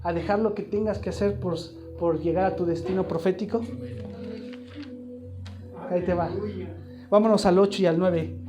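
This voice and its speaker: A man's voice: high voice, fairly even intonation, moderate pace, pauses often, music in the background. A man preaching a live sermon to a congregation, emphatic and throwing repeated questions at the room. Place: church hall, live congregation.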